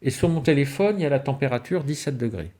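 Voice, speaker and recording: A man's voice: medium pitch, expressive, fast, mellow. A man giving a spiritual talk on alchemy and symbolism, telling stories with rhetorical questions and sudden rises and falls in his voice. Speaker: lecturer.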